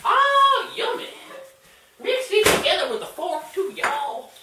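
A very high, squeaky cooking-show host played by a young man who slides all over his register and takes his time over every word. He hams it up with a folksy drawl, calling out to the folks at home. The sound is a roomy home kitchen picked up by a camera across the room, with a bit of clatter behind. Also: sing-song, measured pace, bright, forceful tone, exaggerated voice. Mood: excited. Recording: echoey kitchen, far camera mic, faint noise.

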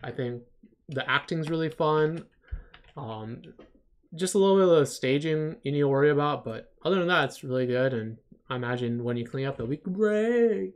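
A man's voice: medium pitch, brisk, clear, resonant tone. A man giving a casual livestream critique of storyboards, talking in an enthusiastic, rambling way full of "like". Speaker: storyboard artist reviewing viewer work.

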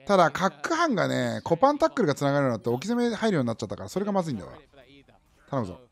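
A man's voice: fairly high pitch, huge pitch swings, racing, creaky. A man in his thirties giving casual running commentary on a fighting game match, often in short, repeated remarks. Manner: clipped, repetitive short remarks. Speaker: livestream commentator. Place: indoor room, streamer's desk.

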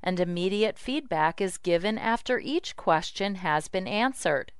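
Casting: female demo narrator, scripted instructional read, crisp voice, dry studio sound. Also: lowish voice, animated, unhurried, dry recording.

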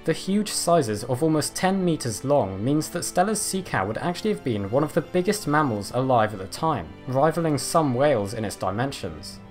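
Guy doing nature documentary voiceover, lively up and down pitch, measured and explanatory, music behind him. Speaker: narrator. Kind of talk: scripted nature documentary narration. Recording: voice over background music.

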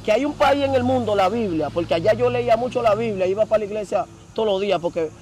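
Animated man telling his story. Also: high voice, fast, a little hiss or hum. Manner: animated, slangy, repeats filler words. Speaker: interview guest. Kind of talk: casual storytelling.

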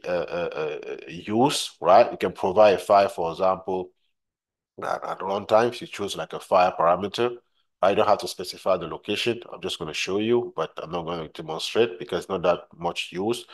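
A man with a low, deep voice narrates a screen-recorded software lesson over a desktop mic. He talks the viewer through each step, says things twice and checks in with a steady "right?" as he goes. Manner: repeats points, frequent "right?" checks. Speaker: tutorial instructor.

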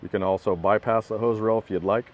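A fast-talking man with a fairly low pitch and fairly even intonation gives a plain, matter-of-fact tour of a work truck. He builds the equipment and films the casual walkaround on his own phone outdoors in a parking lot.

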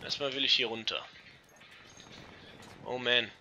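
A young man giving casual, excitable commentary over an online shooter match, swearing and talking to his viewers. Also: medium pitch, a little slow, a little hiss or hum. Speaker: let's play gamer. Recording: dull lo-fi gaming mic.

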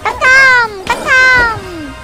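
Speaking extremely slowly at an extremely high pitch, a childlike voice gives excited running commentary on a children's video game. It's full of exclamations and repeated short phrases, with loud music playing behind it.

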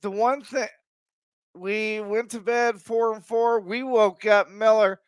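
High-voiced excitable guest. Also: male voice, slow, clean tone, dry recording. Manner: excitable, rambling. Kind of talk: casual chat.

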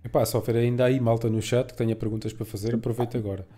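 A man with a European Portuguese accent hosting a podcast on a video call, brisk and chatty. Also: mid-range voice, little pitch movement, warm tone. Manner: brisk, prompts the chat. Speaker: podcast host. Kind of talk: casual chat.

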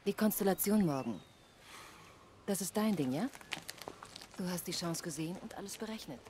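A woman's voice: fairly low pitch, expressive, moderate pace, mellow, slight background noise, lightly acted. An actress playing a teasing, supportive woman. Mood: coaxing. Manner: coaxing and teasing.

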